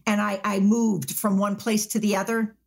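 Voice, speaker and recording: A woman's voice: mid-range voice, flat delivery, normal speed, vocal fry, a little mellow. A woman, an actress on a discussion panel, chatting casually and telling stories from past shoots. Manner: chatty anecdotal storyteller. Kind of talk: casual chat.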